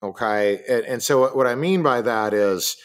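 A man in a casual podcast talk who explains carefully and sometimes restarts a sentence as he goes. His voice sits in an average male range. The tone is even and reflective. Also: medium pitch, normal speed. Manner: thoughtful, explains step by step with restarts.

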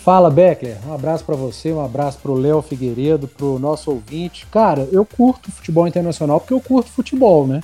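A man's voice: a little high, lively intonation, a little fast, hardly any pauses, warm tone, faint music behind. A man from chatting casually as a sports journalist on a podcast. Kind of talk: casual chat.

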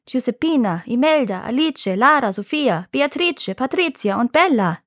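A woman's voice: high-pitched, expressive, moderate pace, no echo, pitched above the performer's own voice. An impatient, harried farmer in a fairy-tale reading, urging his herd on with slightly raised, exclaiming calls, as a woman narrator puts him on. The sound is close and dry, with no room around it. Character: impatient, harried old-world male farmer.

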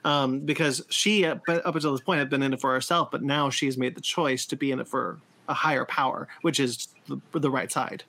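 A man's voice: medium pitch, steady tone, a little fast, hardly any pauses, sharp tone. Man chatting eagerly about a film. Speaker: podcast co-host. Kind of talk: casual film review chat.

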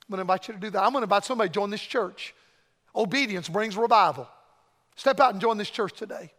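A man's voice: sits high, quick pace, fairly bright tone. A middle-aged man preaching a fervent revival sermon and pleading altar call, emphatic, with short repeated phrases. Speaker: evangelist preacher. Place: large church hall, preaching to congregation. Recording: large reverberant hall.

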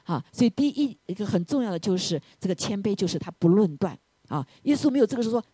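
A woman preaching a sermon, asking her listeners "right?" again and again and dropping to a soft near-whisper for emphasis. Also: medium pitch, fast, husky, no room sound. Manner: animated, keeps asking the congregation "right?".

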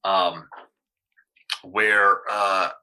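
A man's voice: sits low, level tone, drawn-out words, sharp tone, poor audio. A male pastor in casual discussion, talking hesitantly with many fillers and restarts.

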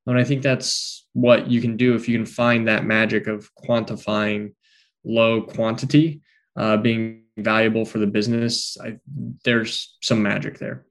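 A man's voice: fairly low pitch, little pitch movement, measured pace. A man co-hosting a podcast, talking casually and enthusiastically, with frequent fillers and rhetorical "right?" asides. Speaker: podcast co-host. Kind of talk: casual conversational podcast talk.

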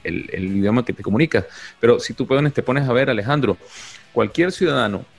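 A man talking casually on a podcast, hesitant and full of repeated words and fillers. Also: medium pitch. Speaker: podcast co-host. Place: living in England.

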